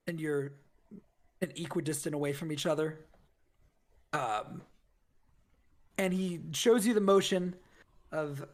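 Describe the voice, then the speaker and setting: A man in the game master's seat, narrating scenes in a loose, rambling way. He pads his descriptions with fillers as he thinks aloud. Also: a little high.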